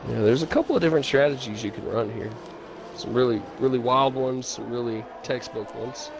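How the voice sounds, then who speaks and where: A man's voice: mid-range voice, a little fast. Sim racing commentator man, noisy stream. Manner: relaxed, chatty, reads chat messages aloud. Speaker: race commentator. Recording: stream audio with clear background noise.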